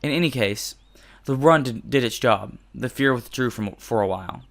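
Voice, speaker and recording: A man's voice: mid-range voice, normal speed, gravelly. Man reading a game aloud, joking. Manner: jokey, self-deprecating, swears casually. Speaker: let's play host. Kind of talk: reading a visual novel aloud with casual commentary.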